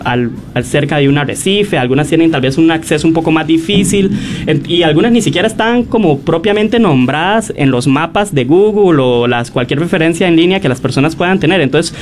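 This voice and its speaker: A man's voice: a little high, brisk, soft background music. Costa Rican man asking long questions. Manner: long, winding questions with fillers. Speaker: radio interviewer. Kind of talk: radio interview questions.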